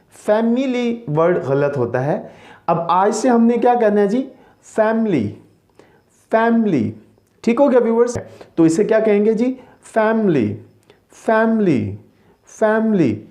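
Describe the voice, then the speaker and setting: A man's voice: sits high, dark tone. A man who teaches English pronunciation, patiently repeating each word and checking in with his viewers. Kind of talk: slide-based language lesson.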